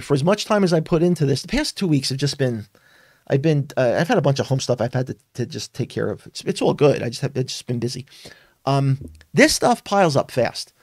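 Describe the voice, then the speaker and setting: A man's voice: fairly high pitch, dry recording, clean studio sound. A man hosting a weekly live webinar, talking earnestly and emphatically with frequent restarts and fillers. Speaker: webinar host. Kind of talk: live-streamed tech talk.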